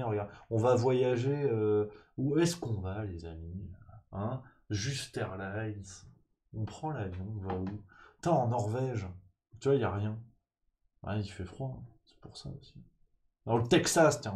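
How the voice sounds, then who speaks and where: A man's voice: medium pitch, a little mellow. A man hosting a live-streamed morning press review in a loose, joking way, reading out chat messages and thanking subscribers.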